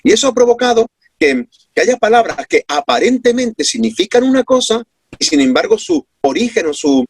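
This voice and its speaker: A man from Córdoba with an Andalusian accent explains his ideas as an interview guest from home over a video call. His fairly high, husky voice swings widely in pitch as he presses his points with rhetorical questions. The sound is close and dry. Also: sing-song, normal speed, dry recording. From Córdoba, Andalusia, Spain. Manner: emphatic, rhetorical questions, lecturing.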